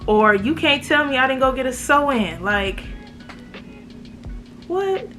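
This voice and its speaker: A woman's voice: sits high, moderate pace, fairly bright tone, faint music behind. An American woman with a slight lisp from braces, giving a casual, slangy, emphatic review to camera as a beauty vlogger.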